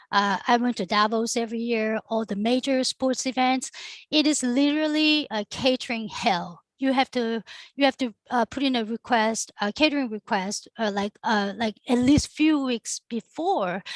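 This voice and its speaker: A woman's voice: fairly high pitch, no echo. A middle-aged woman from Korea with a Korean accent, a catering founder talking through her career on a discussion panel, earnest and full of fillers. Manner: earnest storytelling with frequent fillers. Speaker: catering company founder, guest.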